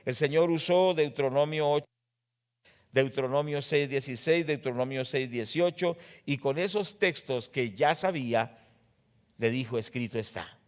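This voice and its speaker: A man with a Colombian accent preaching a sermon as pastor, rising loud on scripture quotes and dropping low to explain, often asking the congregation rhetorical questions. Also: normal speed. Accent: Colombian Spanish. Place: church.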